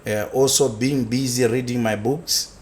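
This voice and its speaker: A man from South Africa, a construction business founder, telling his life story as an interview guest, haltingly, with many fillers and repeated words. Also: mid-range voice, steady tone, darkish tone, slight background noise.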